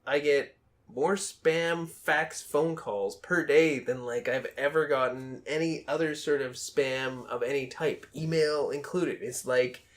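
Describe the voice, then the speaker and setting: A man in his thirties with a Boston accent chats loosely on a gaming podcast. He rambles through his points and pokes fun at himself as he goes. His pitch sits in an ordinary middle range. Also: measured pace. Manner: joking, rambling, self-deprecating. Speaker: podcast co-host. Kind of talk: casual chat.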